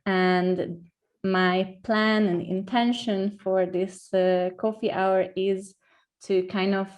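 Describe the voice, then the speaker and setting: A woman from Slovakia introducing herself at an online webinar in a friendly, unhurried way. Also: lowish voice, darkish tone. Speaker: conference presenter.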